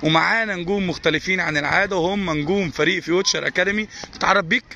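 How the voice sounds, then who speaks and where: Rapid Egyptian reporter at a noisy pitch. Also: male voice, vocal fry, bright, forceful tone. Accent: Egyptian Arabic. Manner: rapid, repetitive questioning. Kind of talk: sports coverage interview. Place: outdoor football ground. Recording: noisy outdoor pitch-side recording.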